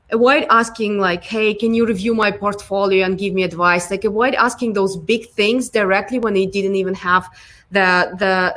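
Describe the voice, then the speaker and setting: A Ukrainian woman in her thirties, a product design lead appearing as a guest, answers interview questions casually in a Ukrainian accent. Her voice is medium in pitch and a bit bright. She sounds hesitant, with many ums, fillers and restarts.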